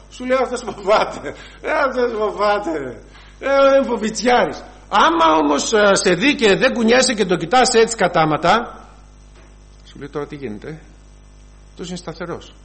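A man preaching a sermon, telling stories and acting out scenes. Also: very high-pitched. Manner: storytelling, animated, acts out scenes.

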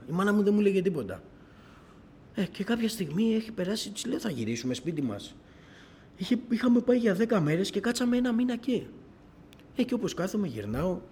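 A middle-aged man with a somewhat high voice tells his personal testimony to a congregation. He is an animated storyteller who keeps acting out quoted conversations. A faint hum of room noise sits under his voice. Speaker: church member giving a testimony.

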